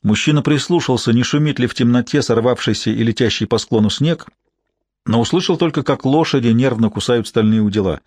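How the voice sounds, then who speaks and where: A man narrating an audiobook in a measured, even storytelling manner. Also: mid-range voice, no room sound, studio quality. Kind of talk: scripted narration.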